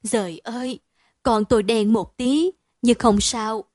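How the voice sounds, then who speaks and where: A woman voicing a distraught, doting mother who wails and scolds loudly, in a dry, close reading. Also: on the high side, unhurried, no room sound. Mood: wailing, scolding. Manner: loud, wailing, scolding.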